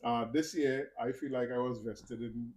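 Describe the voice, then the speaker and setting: A man's voice: medium pitch, fairly even intonation, normal speed, darkish tone, poor audio. A man with a Trinidadian accent hosting a podcast interview, rambling and stumbling as he asks his questions. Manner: rambling, hesitant, stumbles over words. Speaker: podcast host. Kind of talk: casual interview.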